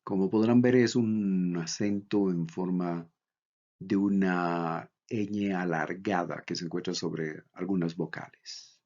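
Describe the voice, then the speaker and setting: A man from Bolivia giving a recorded lecture, reading out examples slowly and deliberately. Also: sits low, steady tone, a little mellow. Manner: slow, deliberate, reads out examples. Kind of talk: recorded lecture on Greek accents. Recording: dull lo-fi recording.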